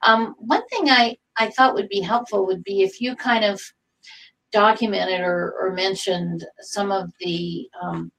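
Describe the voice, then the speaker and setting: Woman co-host, measured, explanatory, gravelly, slightly distant mic. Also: medium pitch, fairly bright tone. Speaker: psychic medium co-host. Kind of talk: casual panel chat.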